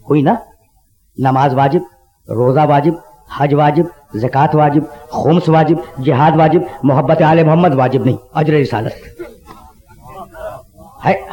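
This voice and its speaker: A man, a religious scholar, delivering a Muharram sermon to a large outdoor gathering, asking the crowd rhetorical questions and rising to impassioned shouts. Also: fairly high pitch. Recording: echoey, dull lo-fi 1990s tape of loudspeakers.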